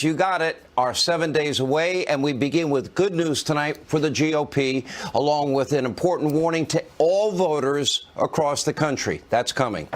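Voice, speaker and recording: A man opening a cable news show, announcing stories in a brisk, emphatic way. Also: a little high, slight background noise. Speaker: TV host.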